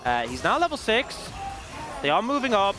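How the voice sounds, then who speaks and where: Young british guy casting esports, bit high, bouncy delivery, jokey, faint music behind. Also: wildly swooping pitch, normal speed. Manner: playful banter, laughs often. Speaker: esports caster. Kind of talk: live play-by-play commentary.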